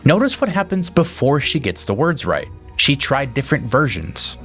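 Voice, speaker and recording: A man's voice: mid-range voice, sing-song, normal speed, music in the background. A man giving a scripted narration for a film analysis video, laying out his argument in an emphatic, case-building manner.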